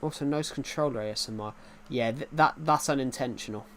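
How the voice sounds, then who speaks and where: A man in his twenties, a gaming streamer, chats casually from a desk mic, rambling and repeating himself as he answers chat. His medium-pitched voice is fairly quick and fairly bright, with slight background noise.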